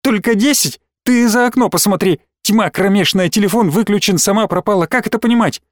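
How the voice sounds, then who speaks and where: A man voicing an angry middle-aged mother who yells and scolds in an audiobook. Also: high voice, animated, normal speed, pitched above the performer's own voice. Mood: yelling. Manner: yelling, scolding.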